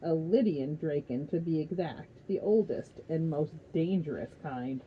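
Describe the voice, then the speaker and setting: A wise old centaur teacher, voiced by a woman reading aloud, calm and informative. His voice stays low and slow. The recording is dull and lo-fi. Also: slight background noise.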